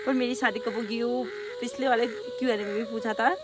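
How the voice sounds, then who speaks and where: A young woman vlogger from the hill region, answering viewer questions in quick, loud, casual chat. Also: fairly high pitch, fairly even intonation, noisy background. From Pahadi hill region of North India. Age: young adult. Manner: talks very fast and rather loudly.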